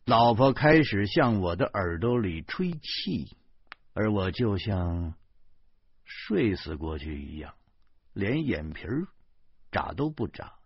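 Husky guy reading a story slow and wry, lively pitch, dull dry recording. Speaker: audiobook narrator. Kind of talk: novel narration.

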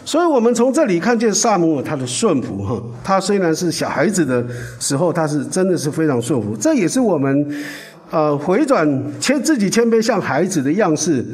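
Male pastor, animated storyteller, fairly high voice. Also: brisk. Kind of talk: sermon.

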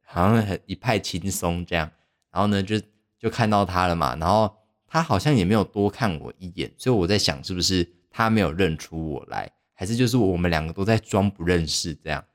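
A man's voice: low voice, brisk. A young man, hosting a podcast and telling a story casually, rambling and poking fun at himself with lots of fillers. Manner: rambling, self-mocking, heavy use of fillers. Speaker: podcast host.

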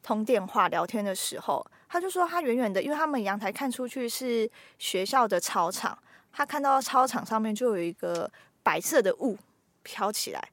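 A young woman, a podcast host casually telling ghost stories with lively suspense. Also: a little high, moderate pace, no room sound. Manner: lively storyteller, builds suspense.

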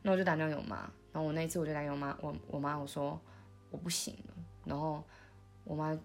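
A young woman, recalling her past in a soft, halting way, with many restarts, as she hosts a podcast. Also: low-pitched, flat delivery, faint music behind. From Taiwan. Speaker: podcast host. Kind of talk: intimate conversational storytelling.

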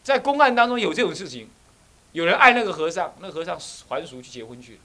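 Lively, bright-voiced Taiwanese abbot. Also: male voice, fairly high pitch, fast. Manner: animated storytelling, acts out scolding voices, asks the listeners questions. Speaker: abbot and Buddhist teacher. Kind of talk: dharma talk with personal stories.

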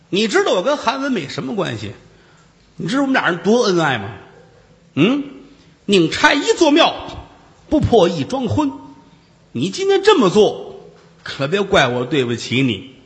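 A haughty female deer demon taunts in a lilting, boastful voice that jumps up high, as a male storyteller puts her on. The sound is bright and edged, with a long reverb behind it. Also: heavily acted. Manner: taunting, sing-song boasting.

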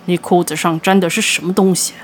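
A mean old grandfather scolds in a gruff, grumbling voice, as a woman narrator puts him on. He sounds lower and rougher than a plain reading voice. A faint hiss sits under the storybook recording. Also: fairly even intonation, fairly quick, close to an everyday voice. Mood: gruff scolding.

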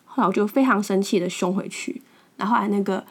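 A woman's voice: medium pitch, fairly even intonation, fast talker, husky. Blunt young Taiwanese woman podcasting. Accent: Taiwanese Mandarin. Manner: blunt and frank, repeats words as she restarts. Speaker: podcast host. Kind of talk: casual storytelling monologue.

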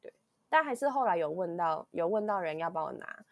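A woman's voice: fairly low pitch, lively intonation, fairly quick, no echo. Weak-voiced Taiwanese woman, dry close mic. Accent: Taiwanese Mandarin. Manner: rambling, with many restarts, acting out quotes. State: weak voice from illness. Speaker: podcast host. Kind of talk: casual chat storytelling.

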